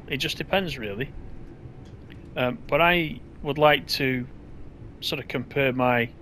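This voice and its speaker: A man's voice: mid-range voice, a bit bright, a little hiss or hum. A man giving casual, chatty gameplay commentary as he drives a train, thinking aloud in an easygoing way.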